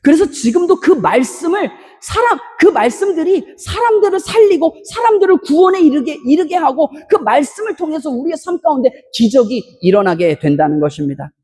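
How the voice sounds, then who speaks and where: A Korean pastor preaching an emphatic sermon in a church, breaking into loud shouted bursts between storytelling asides. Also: high-pitched, sing-song, a little fast, hardly any pauses. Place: church sanctuary. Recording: long reverb of a church hall.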